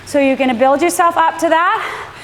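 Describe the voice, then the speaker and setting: A woman's voice: very high voice, normal speed, a bit bright. A middle-aged woman explaining a workout to riders as their indoor cycling coach. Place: indoor room with large windows, on a stationary bike. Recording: echoey room, clear background noise.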